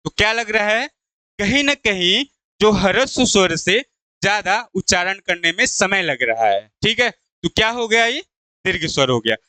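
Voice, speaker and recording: A man teaching a Hindi exam-prep video lesson. He asks his viewers a question, answers it himself, and slowly repeats the key terms. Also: high voice, animated, pushed and bright, clear, resonant tone, no room sound. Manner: addresses viewers as "friends".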